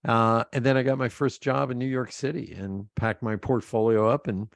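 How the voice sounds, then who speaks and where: A man's voice: medium pitch, fairly even intonation, moderate pace, gravelly, dry recording. A middle-aged man from Pennsylvania, a podcast guest telling rambling stories about his life and laughing often. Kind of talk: casual interview chat.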